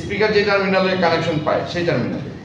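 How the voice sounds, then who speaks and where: A man with a high voice races through a repair lecture, restating points and often checking his listeners with questions. It was recorded in an echoey indoor classroom on a far mic, so the sound is very echoey, dull and clearly noisy.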